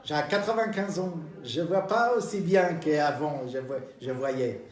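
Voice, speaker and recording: A man voicing a cunning woman of ninety-five in a high, wavering falsetto with a drawn-out, sing-song delivery. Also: natural voice. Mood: coaxing. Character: cunning 95-year-old woman, sly gambler. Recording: roomy, from a distance.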